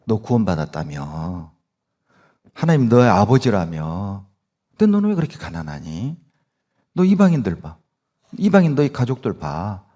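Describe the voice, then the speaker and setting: A man's voice: on the low side, very animated, normal speed, pauses often, warm tone, pitched below the performer's own voice. A male preacher voicing the devil as a mocking, needling accuser who whispers doubts. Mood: taunting.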